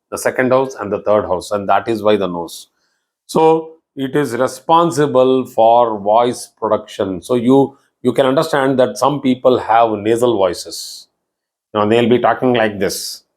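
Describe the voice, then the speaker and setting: A man's voice: mid-range voice, darkish tone. A middle-aged man with a South Indian accent, giving a recorded astrology lesson in an explanatory style, often restarting phrases. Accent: South Indian English. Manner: explanatory, repeats words and restarts, frequent "you know". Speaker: astrology teacher. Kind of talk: online class lecture.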